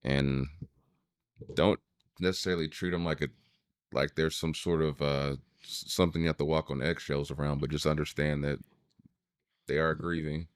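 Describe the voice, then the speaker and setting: A man in his late thirties hosting a podcast, talking in a relaxed, reflective way and swearing casually. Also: very deep voice, moderate pace, long pauses, clear, resonant tone, no echo, studio quality. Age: 30s. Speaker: podcast host.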